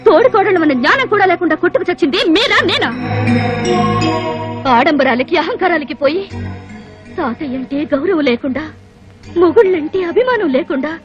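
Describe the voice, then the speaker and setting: An actress playing a defiant young woman who taunts her sisters-in-law with sharp, scornful retorts. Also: sits high. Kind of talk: film dialogue. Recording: dull film soundtrack with faint music.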